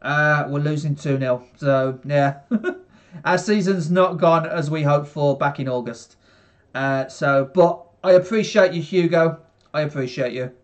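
A man's voice: on the high side, unhurried. A young man from England commentating casually on a football match for a live stream, rambling with many fillers and talking to viewers in the chat from his bedroom on a headset. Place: small bedroom.

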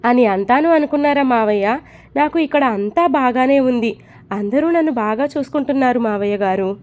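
A woman's voice: fairly high pitch, animated, a little fast, a little mellow, lightly acted. A woman voicing a mischievous young husband. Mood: teasing. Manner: playful, teasing.

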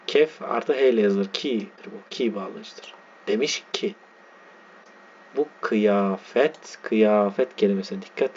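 A man teaching a lesson, reading a text aloud slowly and spelling out its letters and words as he explains them. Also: on the low side, a little mellow. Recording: dull lo-fi sound with faint background noise.

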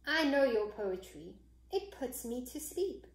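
A woman's voice: high-pitched, very animated, a little slow, reverberant, full character voice. Woman doing a snooty grumpy storybook frog. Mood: disdainful. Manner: haughty and sniffy.

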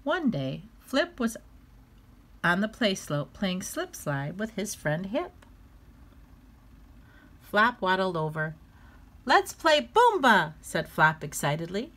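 Woman storybook reader, slow and animated delivery. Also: fairly low pitch. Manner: slow, expressive, lively. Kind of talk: children's story read-aloud.

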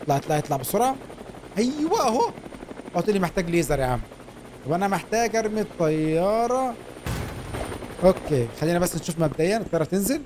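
A young Egyptian-accented man rattles off gameplay commentary at a quick clip, his voice leaping up and down with excitement. He jokes in street slang and yelps when something startles him. There is clear noise in the background behind the voice. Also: sits high. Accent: Egyptian Arabic. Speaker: gaming YouTuber.

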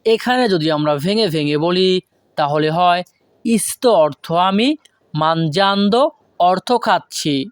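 Slow, deliberate teacher. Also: medium pitch, expressive, clear, resonant tone, dry recording. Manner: deliberate, repeats each foreign phrase slowly, asks and answers own questions. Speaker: language teacher. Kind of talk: online language lesson.

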